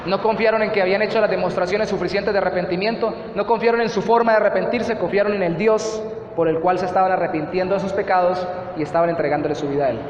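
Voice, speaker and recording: A man's voice: sits high, slight background noise. A Colombian man preaching a sermon as pastor, earnest and repeating phrases for emphasis. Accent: Colombian Spanish. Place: church hall. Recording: echoey church hall, slightly dull.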